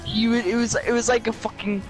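A man's voice: very high-pitched, level tone, fairly quick. A man in casual gaming voice chat, teasing his friend with crude, swearing banter. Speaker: gamer in voice chat. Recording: voice chat over loud music.

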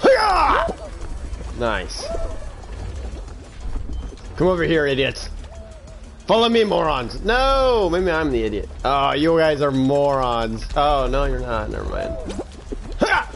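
A teenage boy streaming a video game live, excitable and yelling at the game, with game music behind him. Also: medium pitch, measured pace, creaky, long pauses, background noise. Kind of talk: live gaming stream commentary.

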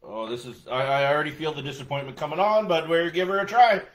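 A man co-hosts a relaxed snack-rating chat, full of jokes and quick asides. His voice sits a little higher than most men's. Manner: joking, quick asides, laughs often. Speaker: co-host. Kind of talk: casual chat, taste-testing snacks.

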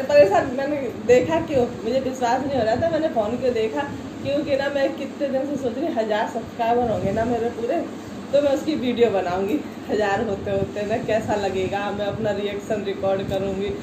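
A woman's voice: fairly high pitch, brisk. Chatty middle-aged woman on a roomy phone recording. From Uttar Pradesh, India. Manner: chatty, laughs often, talks to family and pet. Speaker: vlogger. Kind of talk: casual daily vlog. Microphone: handheld phone camera. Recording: roomy phone audio with background noise.

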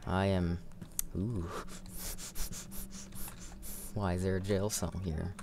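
A man's voice: sits low, fairly even intonation, takes it slowly, background noise. A man giving goofy, jokey commentary while playing a horror game. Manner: goofy, jokey self-talk. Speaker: let's play gamer.

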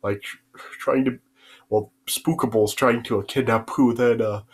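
Speaking at a measured pace with fairly even intonation, a young man with a cold-stuffed nose rambles through a casual video review, stopping and restarting amid fillers. His mid-range voice is slightly rough. He's a YouTube reviewer recorded via webcam at desk distance in a small bedroom.

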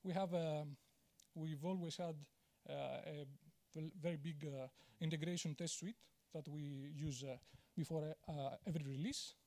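On stage in a big auditorium, a Greek conference speaker with a high, slightly mellow voice talks into a handheld mic at a moderate pace, with fairly even intonation and hardly any pauses. He's candid and self-deprecating, frequently saying "uh" and restarting sentences.

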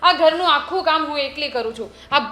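An actress playing a younger daughter-in-law who argues back sharply and complains about doing all the housework. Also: female voice, sits high, fairly quick, sharp tone. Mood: defiant. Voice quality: argumentative, retorting. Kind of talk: village family drama acting.

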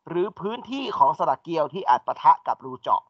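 A man's voice: a little high, big pitch swings, quick pace, fairly bright tone, no room sound. A man teaching an engineering class, explaining step by step and asking his students questions. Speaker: engineering lecturer. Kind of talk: classroom lecture. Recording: dull dry lecture recording.

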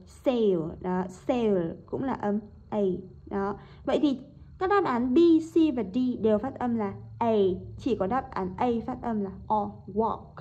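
A woman teacher explaining textbook exercises step by step, repeating each word slowly and checking that students follow. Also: on the high side, creaky, mellow, a little hiss or hum. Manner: repeats words slowly, checks with "đúng không?". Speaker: English teacher. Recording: dull lo-fi recording.

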